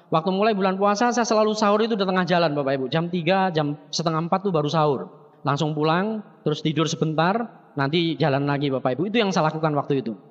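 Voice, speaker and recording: Fast, high-voiced man rallying a hall. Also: fairly bright tone. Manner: addresses the audience constantly, jokes and tells stories. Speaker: motivational speaker at a business seminar. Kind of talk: energetic seminar speech. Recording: dull lo-fi tape in an echoey hall.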